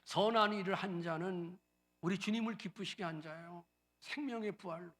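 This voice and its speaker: A man preaching a sermon as pastor, moving between quiet explanation and loud, drawn-out declarations while leading the congregation to repeat after him. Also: sits high. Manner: swings between soft talk and loud proclaiming; leads the congregation in call-and-response.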